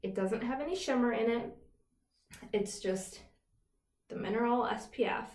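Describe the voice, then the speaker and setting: A woman's voice: fairly high pitch, moderate pace, darkish tone. A woman vlogger chatting casually about her skincare routine, rambling with fillers and asides. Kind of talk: casual chat to camera. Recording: roomy echo, a little far from the mic.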